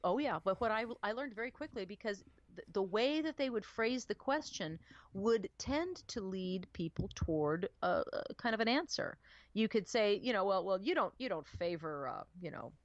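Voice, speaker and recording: A woman's voice: medium pitch, normal speed, no echo. Woman radio cohost chatting, plays with her voice a lot, slightly dull dry sound. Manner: animated, acts out quoted voices with playful emphasis. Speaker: radio co-host. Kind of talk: casual political talk radio chat.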